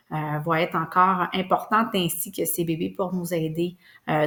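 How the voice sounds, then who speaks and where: A woman teacher walks through a lesson step by step. Her voice sits a little low, and she talks patiently, pausing on small hesitations as she explains. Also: creaky, fairly bright tone. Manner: patient, careful, many fillers. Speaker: preschool teacher.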